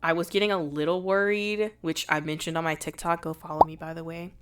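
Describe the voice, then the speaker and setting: This woman's deep, clear, resonant voice comes out a little fast and flat in delivery, thick and nasal from a cold. She's chatty and playful, making fun of herself while vlogging and narrating her crafting.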